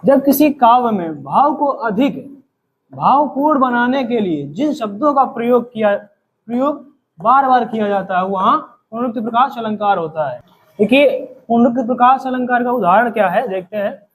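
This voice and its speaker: A man teaching a grammar lesson, explaining each term by asking a question and then answering it, slowing down to recite example verses. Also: very high voice, animated, slightly rough, low-quality recording.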